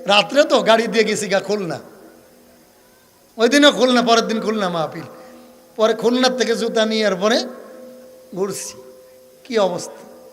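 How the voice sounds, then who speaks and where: A male preacher with a Bangladeshi Bengali accent, giving a sermon at a religious gathering over a microphone, chanting prayers in a sing-song way and calling on the crowd to shout back responses. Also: high-pitched, moderate pace, pauses often, faint music behind. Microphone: public address microphone.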